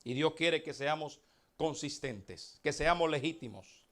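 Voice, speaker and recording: High-voiced preaching man, slow and emphatic. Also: fairly bright tone. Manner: preaching with dramatic swings of volume and slow emphatic words; addresses the congregation as beloved brothers. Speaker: pastor. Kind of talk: sermon.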